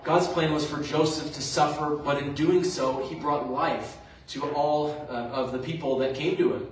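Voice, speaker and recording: A man's voice: a little high, steady tone, normal speed. A man preaching a sermon, retelling a story in a conversational way with fillers. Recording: very echoey room, mic far off.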